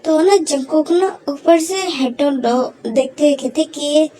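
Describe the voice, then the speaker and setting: Speaking a little slowly in a high, mellow voice, a woman casually retells fan fiction over poor audio. Her storytelling is thick with fillers, and she gives each quoted line a quick voicing.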